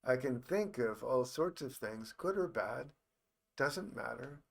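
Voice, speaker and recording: A man giving an informal, reflective explanatory talk as a teacher, in halting phrases with repeated words. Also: medium pitch, animated, vocal fry. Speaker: hypnosis teacher.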